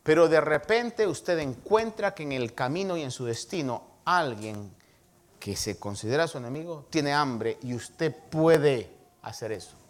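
An older man, a pastor, preaching a sermon with lively emphasis and acted-out quotes. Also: on the high side, measured pace. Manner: lively preaching, acting out quoted dialogue, rising to emphatic peaks.

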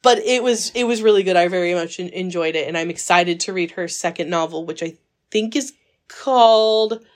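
A woman's voice: fairly low pitch, normal speed. A woman talking earnestly with friends on a casual book club podcast. She presses her points, circling back with fillers and restarts. The sound comes off a phone recording. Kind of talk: casual chat.

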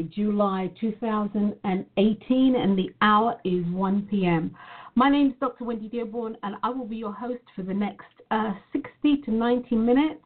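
A woman hosts a self-help podcast over a thin, tinny phone line. Her delivery is sing-song and emphatic, with drawn-out words and repeated phrases. She addresses her listeners directly in a welcoming way, at a medium pitch. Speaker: podcast host.

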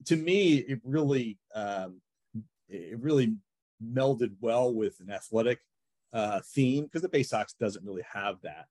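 A man's voice: medium pitch, lively intonation, a little slow, a little mellow, dry recording. A man with an American accent answering conversationally as a baseball team representative in an interview.

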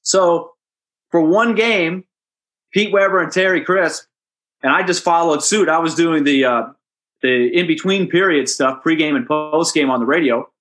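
A man's voice: on the high side, a little slow, fairly bright tone. Chatty man telling a story. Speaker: guest, hockey radio broadcaster. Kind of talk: casual podcast interview storytelling.

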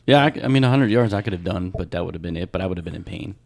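A man's voice: low voice, animated, rapid-fire, creaky, darkish tone. A man co-hosting a podcast, chatting casually and telling a long story full of details. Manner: rambling storyteller, piles on details. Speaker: podcast co-host. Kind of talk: casual chat.

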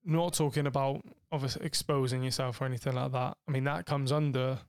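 Cheeky bloke cohosting a podcast, gravelly fry, dry close sound. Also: male voice, medium pitch, fairly even intonation, brisk, darkish tone, no echo. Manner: cheeky, joking, swears freely. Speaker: podcast co-host. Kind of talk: casual chat.

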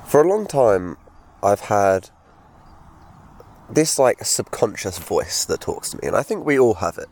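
A man hosting a solo podcast, talking slowly and thoughtfully, often pausing to find his words. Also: fairly low pitch, big pitch swings, darkish tone. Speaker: podcast host. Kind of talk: reflective solo monologue.

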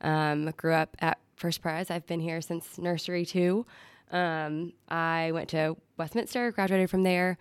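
A young woman chatting as a podcast guest, relaxed and easy with fillers. Her voice is smooth and slightly low. The recording is dry and close. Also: a little slow, no echo. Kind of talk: casual chat.

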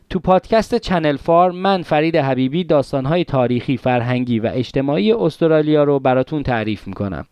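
A man's voice: medium pitch, a little mellow, clean tone, no echo. A man hosting a podcast, narrating a history story in a dramatic, conversational way, with asides to his listeners. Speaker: podcast host.

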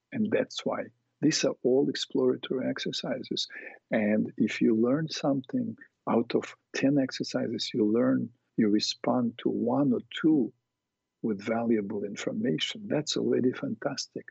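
A man teaching guided visualization exercises, speaking deliberately with pauses between short phrases. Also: medium pitch, gravelly, a little mellow, husky, dry recording. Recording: dull, muffled lo-fi sound.

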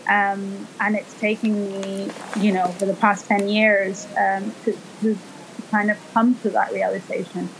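A woman's voice: mid-range voice, level tone, measured pace, gravelly, slight background noise, poor audio. A woman from El Salvador in her thirties, a fashion designer guest speaking in a thoughtful, hesitant way with many fillers. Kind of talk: casual interview talk.

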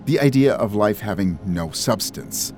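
A young man with a fairly low voice tells a first-person story with a measured, introspective delivery. Clear music plays behind him throughout. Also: lively intonation, darkish tone.

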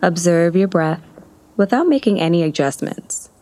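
A woman guides a body-relaxation meditation, giving soft, soothing instructions separated by long pauses. Her voice is lowish, with lively intonation.

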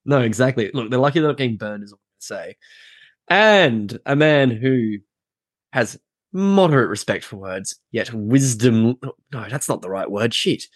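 Animated, playful male podcast host. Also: medium pitch, normal speed, no room sound. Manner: playful, wry. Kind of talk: casual joking banter.

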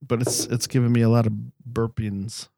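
A man's voice: medium pitch, flat delivery, moderate pace, dark tone, no room sound, studio quality. A man hosting a casual podcast from his man cave, chatty and laughing often as he runs through the show's housekeeping. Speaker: podcast host.

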